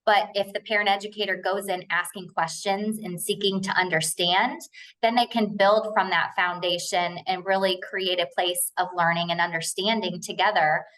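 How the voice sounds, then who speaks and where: A woman's voice: medium pitch, fairly even intonation, moderate pace, fairly bright tone, rough recording. Earnest woman speaker answering questions. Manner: earnest, explanatory, with frequent um and uh. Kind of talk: Q&A after a research talk.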